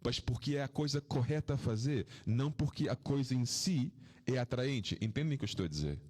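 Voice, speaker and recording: Swami guy talking to devotees, easygoing and reflective, keeps asking the room questions, voice goes soft and low a lot. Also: expressive, fairly quick. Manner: reflective, uses rhetorical questions and personal anecdotes. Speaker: swami, spiritual teacher. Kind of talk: informal spiritual talk to devotees.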